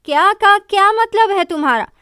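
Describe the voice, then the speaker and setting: A woman's voice: very high voice, lively intonation, normal speed, pushed and bright, dry recording, clean studio sound, voice pushed up, full character voice. Woman doing bossy, pushy Deren. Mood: demanding.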